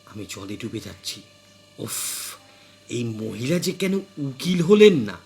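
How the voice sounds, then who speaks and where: A man's voice: medium pitch, very animated, a little slow, vocal fry, darkish tone. A man narrating a comic short story with dry, wry asides.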